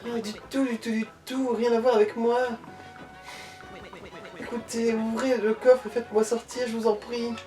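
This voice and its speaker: A woman's voice: on the high side, level tone, moderate pace, dark tone, natural voice. A woman voicing a polite female prisoner in a video game, pleading and a little hesitant as she reads. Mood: coaxing, pleading. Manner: imploring, hesitant read-aloud dialogue. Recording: roomy, distant mic, game music behind.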